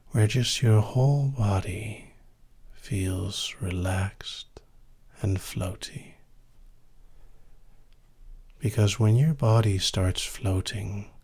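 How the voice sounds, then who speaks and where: A man leading a relaxation hypnosis induction in a soft, intimate voice right in your ear, soothing and often dropping to a whisper. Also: fairly low pitch, husky. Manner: slow, soothing, with long pauses. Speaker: hypnosis session host.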